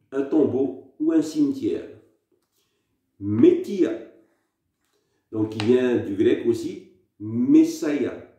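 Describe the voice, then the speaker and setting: With many hesitations, a man from French Polynesia who runs a language channel works through vocabulary word by word in a relaxed lesson. He has a medium-pitched, dark-toned voice, recorded in a heavily echoing room.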